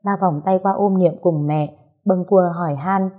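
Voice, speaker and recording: Woman narrating a story, husky, low, mellow, expressive. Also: a little slow. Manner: lively, expressive reading.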